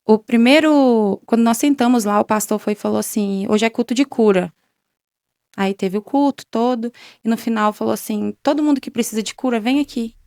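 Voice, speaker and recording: A woman's voice: fairly high pitch, brisk, warm tone, no room sound, clean studio sound. A young adult woman, a guest on a faith show, telling her personal testimony and acting out quoted exchanges in a conversational way. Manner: retells events with many quoted exchanges in a conversational way.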